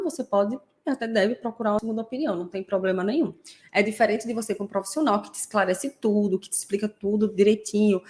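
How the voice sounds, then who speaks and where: A woman hosts a podcast and explains her subject in a relaxed, conversational way. She keeps checking in with her listeners through tag questions and briefly acts out examples. Her voice sits in a middle pitch range. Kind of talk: casual explanatory podcast talk.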